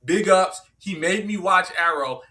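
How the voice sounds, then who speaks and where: A man from New York hosting a casual chat among friends, telling his points in an animated, emphatic way. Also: high-pitched, a little slow. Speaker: host.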